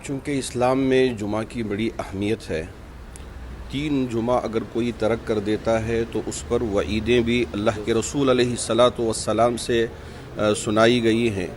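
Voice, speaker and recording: A man, a mosque imam, reading out a formal statement point by point in measured religious diction, outdoors by a street. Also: mid-range voice, steady tone, a little hiss or hum.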